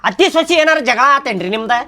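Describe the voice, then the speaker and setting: A man with a North Karnataka accent in a comedy skit, bantering loudly and scolding with slang insults. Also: very high voice, animated, quick pace. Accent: North Karnataka Kannada.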